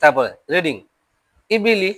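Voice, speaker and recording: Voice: mid-range voice, sing-song, unhurried, fairly bright tone, no echo. A teacher giving a Quran reading lesson, sounding out letters and syllables and often asking students whether they will remember. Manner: drills syllables aloud, often checks understanding. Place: classroom with a board.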